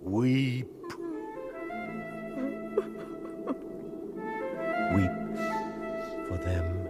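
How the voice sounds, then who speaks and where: A brooding wizard prophet of poetic radio drama. His voice is low and he speaks very slowly, in a solemn chant-like measure, with music clearly behind him. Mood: solemn lament. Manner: solemn, incantatory, measured delivery. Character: grave, brooding male wizard and prophet, Merlin.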